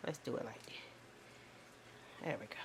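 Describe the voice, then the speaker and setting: A woman's voice: normal speed, background noise. A woman hosting a casual cooking vlog in her home kitchen, chatting folksily to her viewers. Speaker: cooking channel host.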